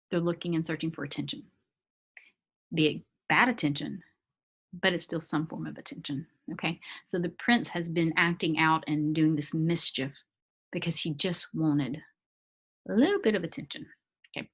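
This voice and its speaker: Woman, teacher, slightly low pitch, patient explaining, casual asides, recorded lesson. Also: moderate pace, long pauses, a bit bright, husky. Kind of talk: recorded remote reading lesson.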